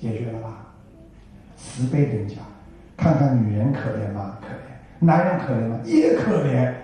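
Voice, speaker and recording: A man's voice: mid-range voice, lively intonation, moderate pace, dark tone. An older man gives a folksy Buddhist dharma talk to an audience, full of rhetorical questions. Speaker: Buddhist teacher. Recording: echoey hall from far off.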